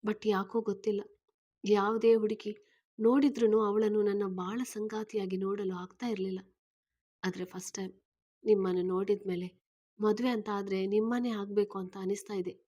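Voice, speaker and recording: A woman voicing an earnest man in his thirties who gently and eagerly asks a woman to marry him, in a read-aloud story. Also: medium pitch, little pitch movement, moderate pace, lightly acted.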